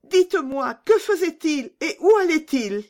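A woman voicing a gentle, anxious little girl in a children's storybook reading, timid and pleading. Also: sits high, big pitch swings, unhurried, pitched above the performer's own voice.

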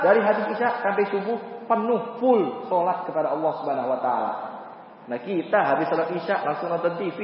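A man's voice: high voice, slight background noise. A man preaching a sermon, telling stories with acted voices and rhetorical questions. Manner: animated storytelling, acts out voices, rhetorical questions. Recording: echoey hall, distant mic, dull sound.

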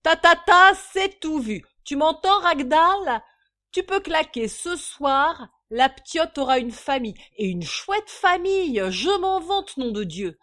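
A woman's voice: high-pitched, lively intonation, slow pace, bright, forceful tone, voice pushed up, exaggerated voice. A woman voicing a rowdy, slang-spouting drunken working-class man in a storybook reading. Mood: boastful. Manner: boisterous, slangy, hiccuping.

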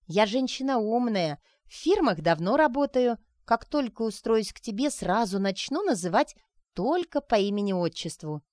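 A woman reading aloud and voicing a lively young woman who talks in a bright, teasing, chatty way. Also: a little high, moderate pace, dry recording, studio quality, pitched above the performer's own voice.

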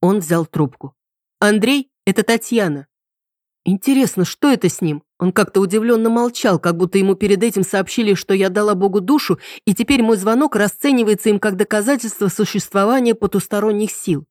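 A woman narrating an audiobook in the first person with an ironic, lively storytelling manner. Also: medium pitch, a little fast, hardly any pauses, dry recording, clean studio sound.

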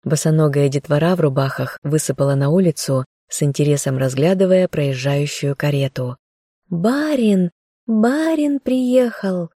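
A woman narrates a novel in the first person, steady and measured. Her voice is warm and mellow, and the recording is dry and close with no room sound. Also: sits low, dry recording. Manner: steady storytelling. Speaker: audiobook narrator.

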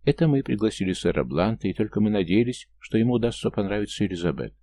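A man reading an audiobook, voicing a gentle, apologetic aristocratic mother who speaks softly and coaxingly. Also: on the low side, big pitch swings, fast talker, slight background noise.

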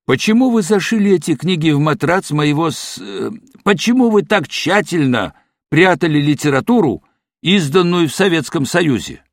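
A man voicing a calm intelligence officer who asks measured, probing questions, read as an audiobook. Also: a little high, no room sound, studio quality. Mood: pressing. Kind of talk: audiobook reading.

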